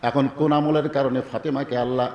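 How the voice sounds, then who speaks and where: A man with a Bangladeshi Bengali accent preaching a sermon to a crowd, calling out for loud answers and swinging between shouts and low murmurs. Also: fairly even intonation, fairly quick, lo-fi sound. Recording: echoey hall sound system.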